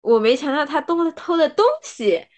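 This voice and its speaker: Woman, casual chat, lively, laughs often. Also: high voice, normal speed. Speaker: podcast co-host; former translation student. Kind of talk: casual book-club chat.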